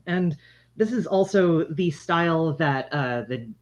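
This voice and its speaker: A livestream host with a mid-pitched voice, captured in slightly dull, lo-fi audio. The delivery is casual and explanatory, like someone walking viewers through a handmade product. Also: animated, takes it slowly. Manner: conversational, explanatory, addressing viewers. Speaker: livestream host demonstrating handmade face masks. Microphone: shared microphone, sometimes turned away from it.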